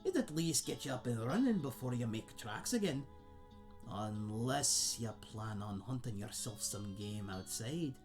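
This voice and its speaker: In a fantasy audio roleplay addressed to the listener, a man plays a friendly, folksy old tavern keeper who is chatty and self-deprecating. In a natural voice with animated pitch, he rambles unhurriedly and hesitantly, in a hospitable, joking mood, chuckling asides to a guest. Soft music plays in the background.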